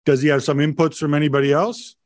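A man's voice: on the high side, steady tone, fast, a little mellow. A man interviewing in a conversational, inquisitive way, asking for clarification. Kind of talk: conversational questioning.

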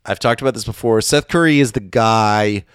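A man's voice: lowish voice, moderate pace, clean tone, no echo, studio quality. A man co-hosting a sports podcast, talking things through casually with fillers and restarts. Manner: conversational, thinking aloud with fillers. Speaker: podcast co-host.

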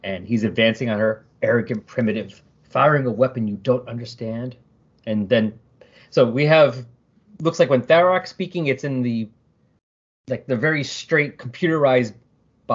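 A man's voice: mid-range voice, moderate pace, breathy edge, muffled recording. A male podcast co-host chatting about a comic issue and reading its captions aloud. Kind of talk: casual comic book discussion.

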